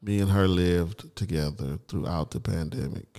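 A man's voice: deep voice, a little slow, mellow. A man co-hosting a podcast in casual, teasing banter, telling playful stories. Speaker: co-host.

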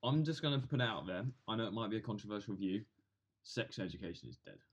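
A man's voice: fairly low pitch, expressive, fast, breathy edge, muffled recording. A teenage man co-hosting a casual podcast chat with dry one-liners. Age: teens. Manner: dry quips, laughs. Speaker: podcast co-host.

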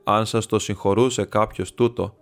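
A man voicing a meek, earnest older monk who speaks gravely and pointedly. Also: on the low side, steady tone, soft background music. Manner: grave and piercing.

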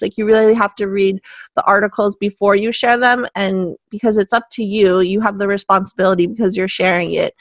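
A woman's voice: medium pitch, no room sound. Woman podcast co-host, chatty, laughs a lot, dry close sound. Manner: giggly, chatty, quick asides. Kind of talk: casual podcast chat.

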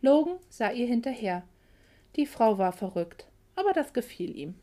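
A woman reads a romance novel aloud in a calm, even way. Her voice is somewhat high yet mellow and warm in tone. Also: normal speed. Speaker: audiobook narrator. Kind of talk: scripted narration of a romance novel.

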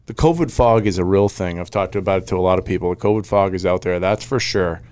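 A man's voice: low voice, fast talker, darkish tone, smooth. A man with a nasal, congested voice, chatting casually and rambling as a podcast co-host. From Maine. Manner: rambling, laughs often. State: congested, recovering from covid. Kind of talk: casual chat.

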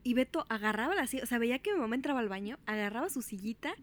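Woman, Mexican accent, fairly high voice, casual storytelling, acts out quotes. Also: rapid-fire. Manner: animated, acts out quotes with big pitch jumps.

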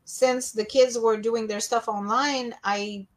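A woman's voice: fairly high pitch, fairly even intonation, slow pace. A tired middle-aged woman, chatting casually as a co-host and rambling with many restarts and fillers. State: tired and yawning. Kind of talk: casual chat.

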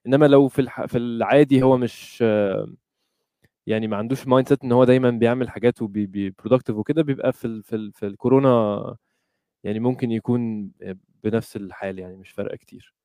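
A man with an Egyptian Arabic accent talks as a podcast guest in a mellow, relaxed tone. He speaks quickly and casually, slipping English words into his Arabic. The sound is dry and close. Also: mid-range voice, no echo. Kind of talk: casual chat.

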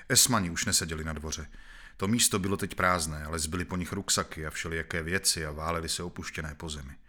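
Deep-voiced man reading a grim novel. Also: sharp tone. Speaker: narrator.

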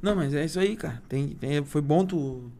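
Casual southern Brazilian man, fairly high voice. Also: moderate pace, mellow, slight background noise. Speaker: podcast host. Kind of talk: casual chat.

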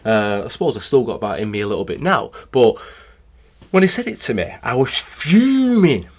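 A man's voice: on the low side, fairly quick. A man, a cycling coach telling stories animatedly on a solo podcast. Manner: animated storytelling, acting out remembered exchanges.

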